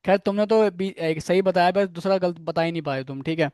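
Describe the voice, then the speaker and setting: A man's voice: sits high, a little fast, a little mellow, dry recording, clean studio sound. A man teaching a coding class, explaining each step and checking in with his students, quizzing them by name. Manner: explains step by step, keeps checking with "theek hai". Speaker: coding instructor.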